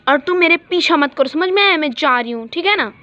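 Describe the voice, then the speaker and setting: A woman's voice: high-pitched, expressive, a little fast, bright, forceful tone, dry recording. A woman voicing a mean, vain older sister in a doll-play story, scolding and bossy. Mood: scornful. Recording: dull lo-fi recording.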